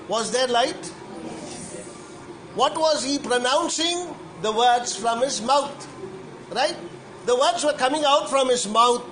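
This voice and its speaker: High-pitched priest talking slow to kids in church, keeps asking them questions. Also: male voice, fairly bright tone, slight background noise, poor audio. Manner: slow, questioning, repeats questions to young listeners. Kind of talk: homily to children.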